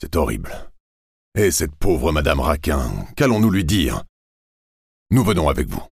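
A man's voice: a bass voice, big pitch swings, unhurried, vocal fry, breathy edge, dry recording, clean studio sound, full character voice. A man doing a fretful old commissioner. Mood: dismayed. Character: old retired police commissioner, fussy and dismayed.

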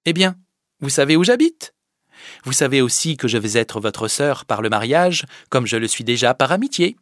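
Guy putting on a bossy young village girl, higher voice, sharp scolding tone, dry close sound. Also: very animated, moderate pace, no echo. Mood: firm. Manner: firm, scolding, then gentle. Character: stern, commanding young village girl healer. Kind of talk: audiobook character voice.

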